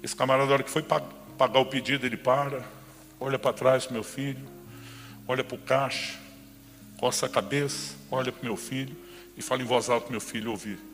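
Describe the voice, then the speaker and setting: A man's voice: mid-range voice, fairly quick. A middle-aged man preaching a sermon, telling a personal story and acting out the dialogue. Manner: lively storyteller who acts out dialogue. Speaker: pastor. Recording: reverberant hall with faint background music.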